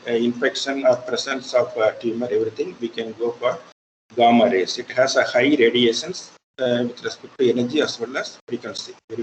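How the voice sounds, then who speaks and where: A man with an Indian English accent giving an online technical lecture, pausing often with fillers. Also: medium pitch, slight background noise, rough recording. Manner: hesitant, many fillers.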